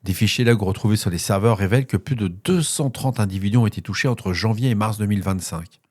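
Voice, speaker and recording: A man's voice: lowish voice, fast, darkish tone, a little hiss or hum. A man hosting a cybersecurity news podcast, reading bulletins and then slipping into casual off-script asides with fillers.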